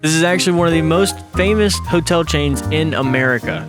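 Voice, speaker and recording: A man's voice: fairly high pitch, fairly quick, music in the background. Upbeat man hosting a hotel vlog. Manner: upbeat, jokey. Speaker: vlogger and host. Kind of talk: casual hotel review vlog.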